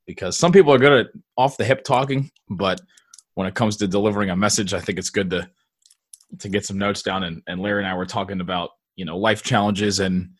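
A man's voice: lowish voice, fairly even intonation, brisk, slightly rough. A young man hosting a podcast, chatting casually with a friend and laughing easily. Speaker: podcast host.

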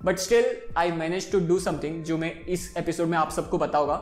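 A man's voice: on the high side, fairly even intonation, unhurried, echoey room. A man in his twenties explaining personal finance in a casual, chatty way, switching freely between Hindi and English. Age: 20s. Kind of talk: casual explainer talk to camera.

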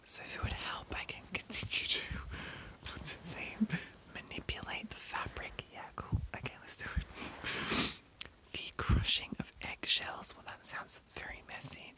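An ASMR host speaking entirely in a breathy whisper, reading an article aloud and adding informal, rambling asides. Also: normal speed, rough recording. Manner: informal, rambling, self-commenting.

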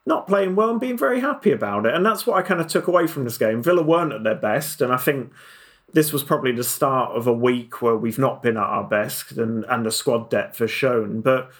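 A man with a croaky voice, chatting casually as a guest on a football podcast. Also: medium pitch, animated, fairly quick.

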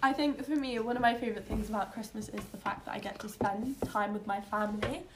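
A teenage girl from Poland speaks as a podcast guest. She is reflective and soft-spoken, with a mid-range pitch. Faint room ambience sits behind her. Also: quick pace, noisy background. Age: teens. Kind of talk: casual chat.

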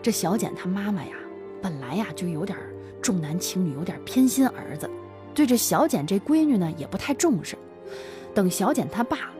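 Dramatic woman storyteller. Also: medium pitch. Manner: dramatic, full of sighing interjections. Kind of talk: animated storytelling chat.

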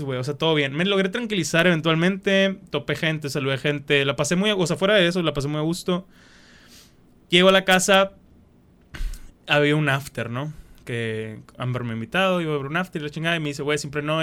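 A man's voice: on the high side, quick pace, fairly bright tone, clean tone. A young Mexican man hosting a podcast, telling rambling stories full of slang and acting out what people said. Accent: Mexican Spanish. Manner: slangy, rambling storyteller, acts out quotes. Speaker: podcast host. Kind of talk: casual chat.

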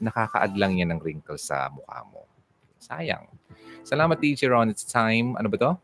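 A man hosting a casual livestream, answering viewer comments and giving relationship advice in a chatty, teasing way. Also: lowish voice. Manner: chatty, teasing, animated, switches into English.

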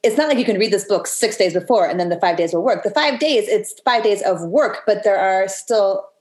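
A woman's voice: mid-range voice, a little fast, a little mellow. A woman podcast host chatting casually and enthusiastically with a guest. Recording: roomy sound with faint music.

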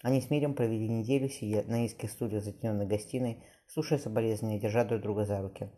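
Male audiobook narrator, fast, very dark tone, occasional restarts. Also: fairly low pitch, fairly even intonation. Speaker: audiobook reader.

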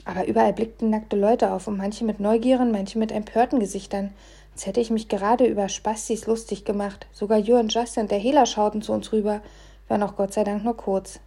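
Mellow woman reading an audiobook. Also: mid-range voice, brisk, gravelly. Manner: expressive, shifts between hushed and loud for the scene. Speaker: audiobook reader. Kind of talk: scripted audiobook narration.

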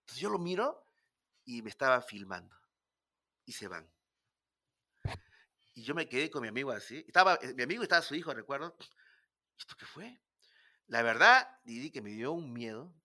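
Lively Peruvian man telling a story. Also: medium pitch, brisk, pauses often. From Peru. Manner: animated, dramatic storytelling with acted-out dialogue. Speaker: guest storyteller. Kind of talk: casual storytelling interview.

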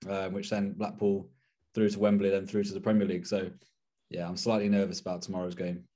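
A young adult man with a fairly low, dark voice co-hosts a casual football podcast. He's chatty and laid-back, using plenty of fillers.

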